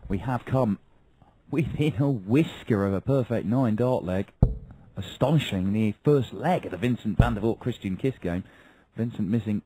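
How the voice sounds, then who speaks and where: A man's voice: on the low side, normal speed, dark tone, rough recording. A man calling a darts match as lead live commentator.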